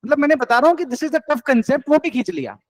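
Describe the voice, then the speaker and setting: Man, high voice, accounts teacher, encouraging classroom teaching, dry sound. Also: very animated, brisk, dry recording. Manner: coaxing and encouraging, mixing English terms.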